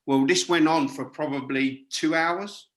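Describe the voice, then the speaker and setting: A man's voice: on the high side, steady tone, a little slow. A man co-hosting a casual chat show, telling funny stories animatedly and laughing as he goes. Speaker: co-host.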